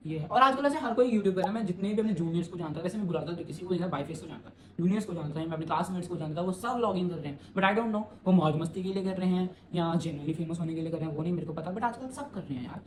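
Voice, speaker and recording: A young man vlogging casually, talking fast and joking while he reacts to a reading and promotes himself. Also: high-pitched, a crowd in the background, low-quality recording. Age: young adult. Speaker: YouTuber.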